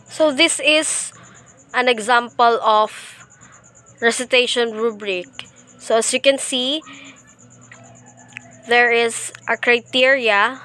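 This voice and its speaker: A young woman from the Philippines reading a class report aloud, slowly and carefully, with small slips and restarts. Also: fairly high pitch, pushed and bright. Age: young adult. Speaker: student presenter.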